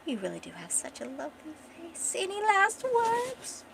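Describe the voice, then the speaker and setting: A woman voicing a creepy, maniacal male assassin who taunts his victims slowly in a gloating, sing-song way. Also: huge pitch swings, gravelly, background noise, full character voice. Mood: gloating menace. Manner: slow, gloating, sing-song menace with high laughter.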